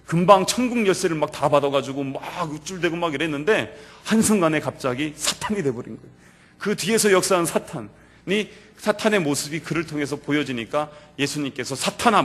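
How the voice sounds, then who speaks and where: A male pastor preaches in a church, his voice sitting a little high for a man. He tells the story with animated delivery and often swings from loud to quiet. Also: a little fast. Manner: animated storytelling that acts out quoted lines. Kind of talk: sermon to a youth service. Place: church sanctuary.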